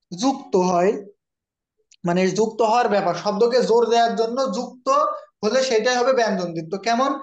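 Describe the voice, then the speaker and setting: A man's voice: very high-pitched, lo-fi sound. A man with a Bangladeshi Bengali accent teaching an online exam-prep grammar class, who explains patiently and calls on students by name.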